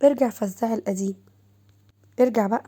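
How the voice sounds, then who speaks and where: A woman with an Egyptian accent voicing a jealous, hot-tempered young wife who flares up in shrill outbursts. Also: quick pace, dark tone, close to an everyday voice. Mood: pleading.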